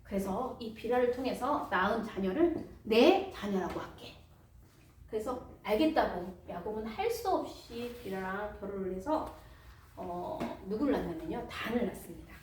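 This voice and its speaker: A woman retelling a Bible story at church, lively and full of questions to the listeners. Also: medium pitch, moderate pace. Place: church hall. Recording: echoey hall, distant mic, faint noise.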